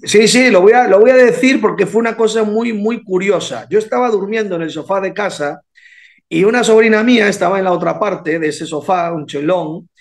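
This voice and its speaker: High-voiced man telling anecdotes. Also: brisk. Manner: animated storyteller, repeats words, acts out quotes. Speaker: boxing coach.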